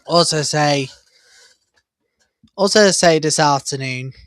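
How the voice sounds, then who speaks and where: A man hosting a live cricket watchalong, chatty and excitable, jumping up in pitch at big moments. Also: takes it slowly, no room sound. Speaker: watchalong host.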